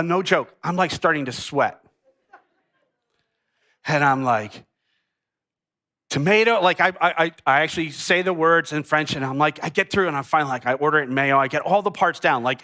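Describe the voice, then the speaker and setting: Bright-voiced man preaching with playful humor. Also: a little high. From United States. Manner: humorous storytelling to a congregation. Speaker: pastor. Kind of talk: sermon.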